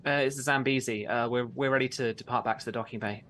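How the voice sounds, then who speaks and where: Man doing a brisk starship officer on comms. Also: mid-range voice, steady tone, a bit bright, slight background noise, close to an everyday voice. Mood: businesslike.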